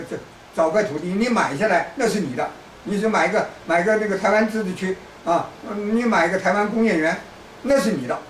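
Man from China, hectoring commentator, high-pitched; distant, roomy recording with faint background noise. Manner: lecturing, repetitive restarts, hectoring asides. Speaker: political commentator. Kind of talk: rambling political monologue.

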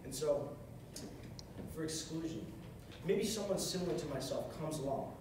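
A young, earnest preacher with a slightly high, expressive voice speaks at normal speed, repeating phrases for emphasis in a short sermon. He stands at a music stand on stage in a large, boomy carpeted hall. The far-off camera mic leaves the recording echoey, with room hiss.

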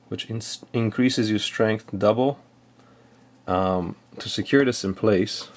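Man, lowish voice, casual instructor talking through steps off camera. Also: gravelly. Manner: plain, step-by-step explaining with fillers. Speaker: outdoor skills instructor. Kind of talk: casual how-to demonstration.

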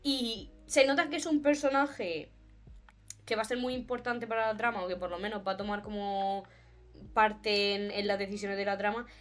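A woman with an accent from Spain, co-hosting a podcast in casual chat, expressive and playful and laughing often. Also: mid-range voice, moderate pace. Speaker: podcast co-host.

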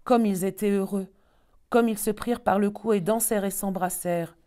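A woman storyteller reading a fairy tale aloud in an expressive, measured way. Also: mid-range voice.

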